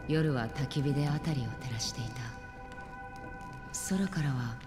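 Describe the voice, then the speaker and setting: An actress voices a wandering woman in a Japanese video game, calm, melancholy and detached. Her low-pitched delivery is solemn, trailing into soft breathiness at the ends of phrases.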